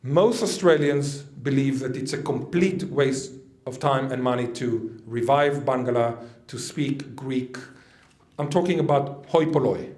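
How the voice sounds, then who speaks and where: This Israeli-raised conference speaker keeps his lecture chatty, joking and making asides to the crowd. He speaks at a measured pace with a medium, darkish voice, and the lecture hall echoes around him.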